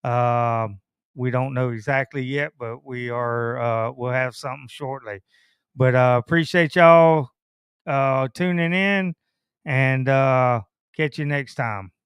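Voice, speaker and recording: Laid-back Southern host, smooth voice. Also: male voice, medium pitch, takes it slowly, no room sound, clean studio sound. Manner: laid-back, rambling with many fillers. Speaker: podcast host. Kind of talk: casual chat.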